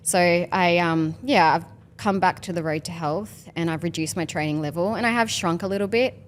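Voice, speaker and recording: A woman's voice: fairly low pitch, normal speed, a little hiss or hum. Candid, rambling woman in her thirties. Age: 30s. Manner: candid, rambling with many fillers. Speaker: podcast guest. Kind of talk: casual chat.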